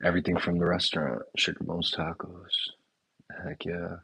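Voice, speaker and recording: A laid-back man hosts a live chat and reacts to viewer comments. His voice is low and gravelly with a husky, rough edge. The sound is dry and close. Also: little pitch movement, normal speed, bright, forceful tone, dry recording, poor audio. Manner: laid-back, reads viewer comments aloud and riffs on them. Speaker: chef and restaurant owner hosting a live chat. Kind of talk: casual live-stream chat. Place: indoors, talking to a live chat.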